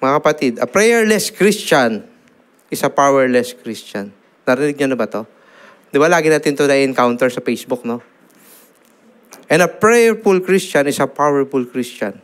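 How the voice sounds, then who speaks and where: A middle-aged Filipino man preaching a sermon, telling stories in lively mixed Tagalog and English and checking in with the congregation with "no?". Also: medium pitch, moderate pace, smooth. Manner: animated storytelling, Taglish with frequent "no?" tags. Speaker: pastor.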